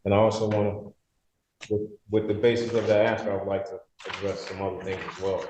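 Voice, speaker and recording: A man's voice: on the low side, completely flat delivery, very echoey, distant mic. Guy defending himself in a courtroom recording, hesitant and stumbly, faint hiss, mic way off. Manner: hesitant, halting, full of filler sounds and legalistic phrases. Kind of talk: courtroom hearing testimony.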